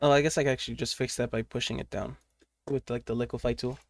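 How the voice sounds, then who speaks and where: A man's voice: mid-range voice, fairly even intonation, fast talker. A young man streaming while he draws, chatting casually, rambling and swearing, muttering to himself as he works. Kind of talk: casual livestream chat while drawing.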